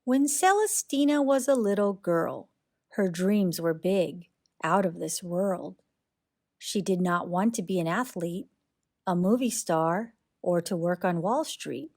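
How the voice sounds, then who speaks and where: Expressive and deliberate, a woman with a voice on the low side reads a rhyming children's picture book aloud.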